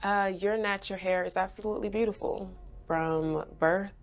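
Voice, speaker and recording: A woman's voice: medium pitch, steady tone, normal speed. A young woman from Haiti who grew up in Florida, answering interview questions in a bubbly way and laughing often, seated in an indoor studio. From Haiti, raised in Florida. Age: young adult. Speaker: guest, brand ambassador.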